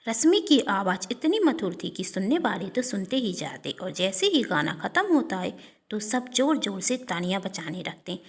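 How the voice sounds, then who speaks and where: A woman's voice: mid-range voice, big pitch swings, normal speed, breathy edge. A young woman narrating an emotional family story and reading every character's lines herself. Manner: emotional, reads all character voices.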